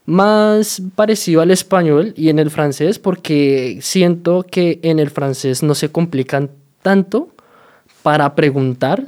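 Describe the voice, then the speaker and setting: A Colombian man's voice, sitting a little above the usual male range, talks through everyday expressions in a relaxed vlog. He is chatty and unhurried, leaning on fillers and stopping often to make sure the audience follows. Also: fairly high pitch. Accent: Colombian Spanish. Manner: chatty, explains slowly with frequent fillers and "¿sí?" checks. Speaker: vlogger explaining slang. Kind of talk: casual explanatory monologue.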